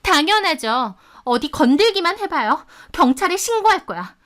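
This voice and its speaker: A woman voicing a shrill, sneering young mistress. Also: drawn-out words, bright, forceful tone, clear, resonant tone, full character voice. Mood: shrill defiant. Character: brazen pregnant young woman, mocking rival. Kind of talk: storybook character voice.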